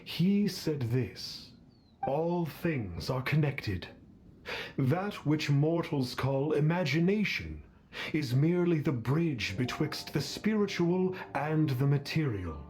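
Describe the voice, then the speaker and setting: A man's voice: fairly high pitch, very animated, takes it slowly, darkish tone. An actor playing a pompous masked man posing as a lofty adept in a video game, speaking in archaic, grandiloquent phrases. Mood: lofty, self-important. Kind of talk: theatrical video game dialogue.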